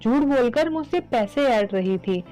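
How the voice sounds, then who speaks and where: Woman reader doing a miserly older merchant in a devotional tale, higher-pitched read, faint music behind. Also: animated, measured pace, warm tone, poor audio. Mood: gruff, scolding. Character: stingy elderly male merchant, later remorseful.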